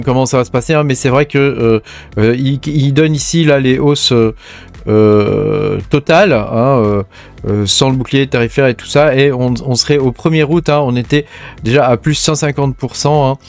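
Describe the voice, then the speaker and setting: A man's voice: mid-range voice, darkish tone. A man with a French accent hosting casual mining news commentary, talking in a hesitant way with lots of fillers. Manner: chatty, hesitant, frequent fillers. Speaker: crypto mining channel host.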